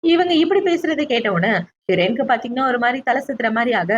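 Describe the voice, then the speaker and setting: A woman narrating a drama recap as a story, briskly retelling each scene and speaking the characters' lines herself. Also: on the high side, sing-song, lo-fi sound.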